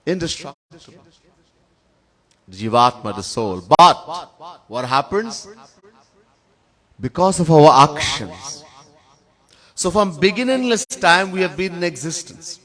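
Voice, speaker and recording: Trinidadian swami chanting and teaching. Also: male voice, on the high side, very animated, a bit bright. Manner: chants Sanskrit verses slowly in a sung tone between spoken teaching; lists words in long spoken series. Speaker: swami giving a spiritual discourse. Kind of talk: sermon. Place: temple.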